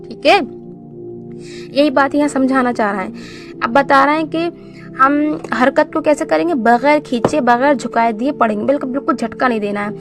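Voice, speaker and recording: A woman leads a beginners' lesson in reading the Quran, posing questions and then answering them herself. She drills syllables in a slow, clear way, and her voice sits high.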